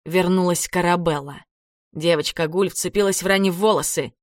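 A woman reading a children's adventure story aloud as narrator, in a dramatic, expressive way. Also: on the low side, normal speed, dry recording, studio quality. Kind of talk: audiobook narration.

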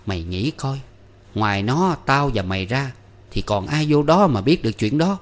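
A scolding middle-aged village mother, as a male storyteller puts her on, high-pitched and loud. She nags and chides in quick, sharp bursts. It sounds like a storybook reading. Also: animated, natural voice. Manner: nagging, scolding.

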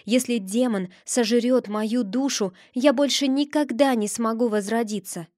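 A woman narrates a fantasy audiobook in the first person with lively, expressive storytelling. Her voice sits fairly high. The recording is dry and close, with no room sound. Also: a little slow, no echo.

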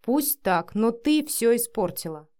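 A woman's voice: fairly high pitch, lively intonation, measured pace, darkish tone. Curt, commanding young man with a sneer , read by a woman, audiobook. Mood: angry. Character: cold domineering young man, harsh and scornful. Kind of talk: audiobook character reading.

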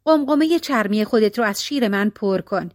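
A woman voicing a talking mother tiger in a storybook tale, gentle and measured. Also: medium pitch, animated, dry recording, clean studio sound, close to an everyday voice. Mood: kindly.

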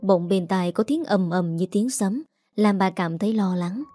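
A woman narrating a scripted sad story in a steady, somber way. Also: mid-range voice, moderate pace, soft background music.

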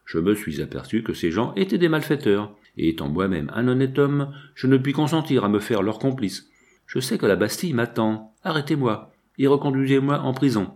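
Guy reading aloud doing a worked-up honest abbé, earnest and pleading, voice pushed up higher. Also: animated, normal speed, darkish tone, natural voice. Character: indignant honest male abbé prisoner.

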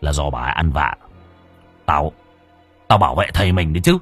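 A man's voice: rumbling low, animated, normal speed, a bit bright, slightly rough, soft background music, voice pushed down, full character voice. A man voicing the landlord's brutal young son, who speaks curtly and defiantly.

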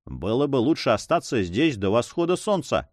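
A man voicing an eager male buccaneer tracker who shouts out to his dog. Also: medium pitch, big pitch swings, moderate pace, no room sound, studio quality, close to an everyday voice. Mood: cautious.

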